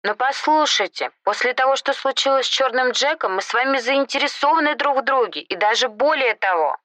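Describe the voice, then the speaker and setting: A man's voice: very high-pitched, expressive, fairly quick, pushed and bright, dry recording, pitched above the performer's own voice, exaggerated voice. A man voicing a poised, bold young corporate woman in an audio story, polite, insistent and businesslike. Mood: smooth, insistent.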